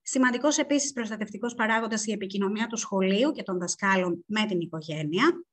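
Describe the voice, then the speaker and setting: A woman presenting research findings at an online seminar, speaking in a measured way with frequent hesitations. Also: mid-range voice.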